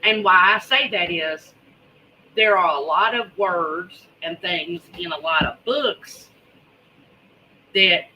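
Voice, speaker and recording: A woman's voice: fairly low pitch, sharp tone, a little hiss or hum, poor audio. A woman chatting casually to viewers in a folksy, drawling way, repeating words for emphasis. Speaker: host of a homesteading preparedness vlog. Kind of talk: casual livestream chat.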